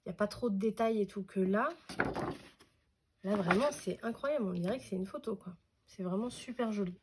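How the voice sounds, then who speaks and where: A woman's voice: medium pitch, a little fast, noisy background. A woman chatting casually through a craft unboxing, hesitant, with many fillers and restarts. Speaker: craft vlogger.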